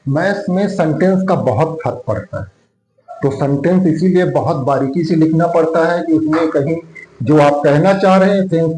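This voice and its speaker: A man's voice: fairly high pitch, dark tone. A man teaching a maths lesson in Hindi and English, dictating a geometry proof and asking himself questions as he writes. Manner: asks and answers his own questions while writing; Hindi mixed with English terms, dictating slowly. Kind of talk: classroom lesson at a board. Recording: echoey room.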